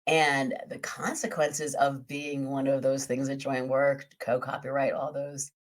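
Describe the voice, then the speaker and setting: Low-voiced woman with a scratchy throat. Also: flat delivery, a little slow. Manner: methodical, lists terms and walks through examples. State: scratchy, hoarse voice. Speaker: podcast host. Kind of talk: explanatory podcast monologue.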